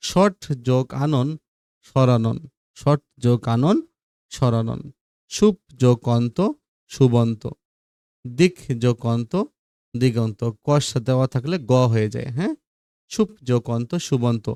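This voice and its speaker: A male teacher works through grammar examples one after another and keeps checking that his students follow. His voice is mellow and warm. The recording is dry and close. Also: medium pitch, lively intonation, a little slow, long pauses, clean tone, no echo.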